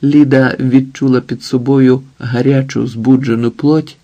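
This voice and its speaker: Gravelly, slow male audiobook narrator. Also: mid-range voice, level tone, mellow, muffled recording. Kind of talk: audiobook reading.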